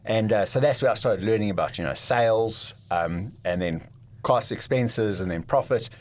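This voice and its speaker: A man in his thirties from South Africa with a South African accent, a podcast guest telling stories about his life in a relaxed, chatty way. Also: fairly low pitch, normal speed. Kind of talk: casual interview storytelling.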